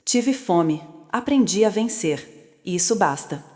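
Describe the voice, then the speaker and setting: A woman voicing a composed young businesswoman who speaks calmly and with quiet, cutting resolve. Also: medium pitch. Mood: cold calm. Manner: calm, measured, quietly cutting. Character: composed young woman returned as rich CEO, coldly calm. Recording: long reverb.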